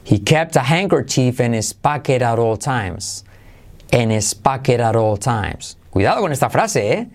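A man's voice: mid-range voice, expressive. Man drilling English pronunciation. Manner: switches between Spanish explanation and slow drilled English phrases. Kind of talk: podcast pronunciation lesson.

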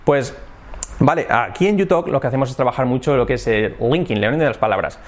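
Animated Spanish man teaching English. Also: mid-range voice, fast talker. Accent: Spain Spanish. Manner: animated, demonstrates phrases in different tones. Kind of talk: casual spoken lesson.

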